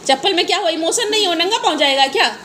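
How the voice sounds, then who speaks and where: This woman talks fast in an extremely high, expressive voice with a sharp tone, teasing her pet parrots through a playful story. She sings it out, repeats phrases, and laughs as she speaks, in a noisy home recording.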